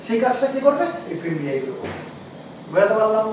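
A man teaching a class, asking questions and slowly repeating key terms. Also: high voice, sing-song, a little hiss or hum. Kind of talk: classroom lecture. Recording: echoey room, mic far off.

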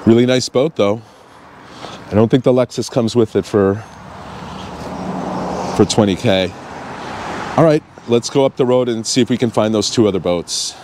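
A man's voice: medium pitch, moderate pace, pauses often, background noise. A man with a Long Island accent, casually explaining used boats as he walks around them and drives, talking in a conversational, hands-on way. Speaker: fishing boat vlogger. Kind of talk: casual walkaround commentary. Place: outdoors by the road and driving a car.

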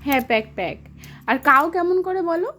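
A woman's voice: very high-pitched, lively intonation, moderate pace, sharp tone. A mother teaching her toddler words in a home video, coaxing with sing-song questions and praise.

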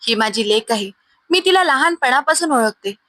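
A woman's voice: high-pitched, lively intonation, moderate pace, no room sound. Woman playing a wailing old mother-in-law. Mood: scolding. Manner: loud, lamenting.

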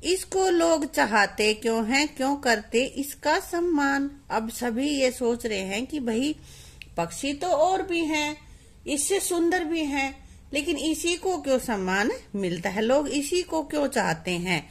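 A woman's voice: lively intonation, a little slow. A young woman teaching a children's Hindi lesson, patiently coaxing and asking questions, then answering them herself. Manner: mimics the cuckoo's call in a high voice.

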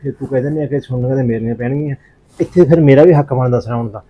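In this lo-fi, slightly dull clip of village family drama, a middle-aged man plays a college girl's strict father who scolds his wife like a complaining husband. He speaks very fast in a mellow, mid-range voice close to his everyday one.

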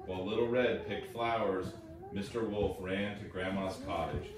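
Male narrator, expressive storytelling, very echoey room, from a distance. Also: low-pitched, moderate pace. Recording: distant, echoey, noisy home recording.

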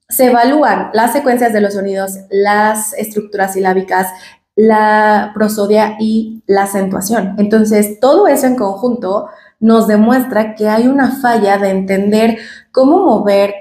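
A speech therapist with a Mexican Spanish accent talks patiently to the camera, explaining and acting out sample syllables. Her voice sits at an ordinary middle pitch for a woman. The room around her gives the sound a noticeable echo. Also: fairly even intonation, measured pace, a little mellow. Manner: patient, explanatory, demonstrates sounds and word examples.

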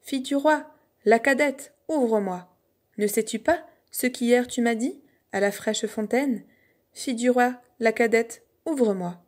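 A woman voicing an insistent frog in a fairy tale, in a high, sing-song calling voice. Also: unhurried, darkish tone.

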